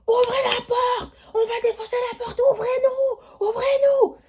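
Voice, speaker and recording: Panicked firefighters pounding on a door, high and shouted, voiced by a woman telling a story. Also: level tone, a little slow. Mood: frantic shouting. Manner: frantic shouted pleading.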